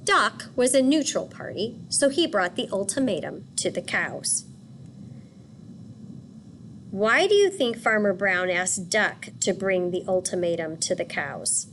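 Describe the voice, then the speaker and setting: A woman teacher reading a picture book aloud and pausing to ask children questions. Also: mid-range voice, expressive, a bit bright, a little hiss or hum. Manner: patient, asks questions for children.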